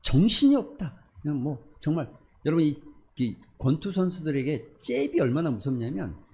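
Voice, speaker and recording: A man's voice: on the high side, very animated, moderate pace, a little mellow. A man preaching as a pastor in a church. He stresses his points by repeating phrases and by putting questions to the congregation. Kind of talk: sermon. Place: church sanctuary.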